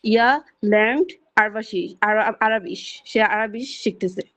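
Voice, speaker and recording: A woman's voice: medium pitch, normal speed, a bit bright, dry recording. A woman who is a student in an online class, reading sentences and then restating them in her own words, over call audio.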